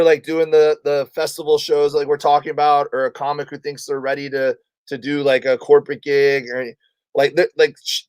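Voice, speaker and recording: Animated storytelling comedian, dry sound. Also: male voice, fairly high pitch, no echo. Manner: animated storyteller acting out quotes. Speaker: comedian guest. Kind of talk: storytelling interview chat.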